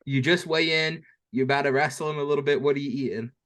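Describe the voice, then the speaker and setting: A man's voice: on the high side, steady tone, quick pace, fairly bright tone. A man hosting a casual sports podcast, asking rambling questions full of "you know"s. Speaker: podcast host.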